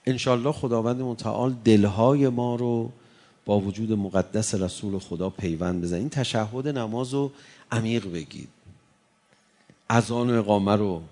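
A man preaching a sermon, reciting Arabic verses and swinging between hushed, intimate passages and impassioned rises. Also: on the low side.

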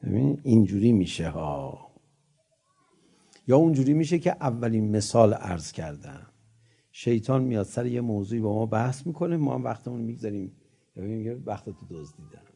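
Male preacher, gravelly and husky, sweeping pitch, slow chanted verses between lively telling. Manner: chants scripture verses slowly, then explains them in lively talk; animated storytelling with rising emphatic peaks. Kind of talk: religious sermon.

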